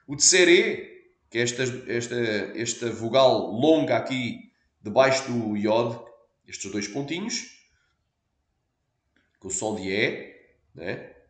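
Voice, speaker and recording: A man's voice: medium pitch, lively intonation, slow, pauses often, echoey room. A man with a European Portuguese accent, a pastor explaining a point patiently in a teaching sermon and asking his listeners for assent.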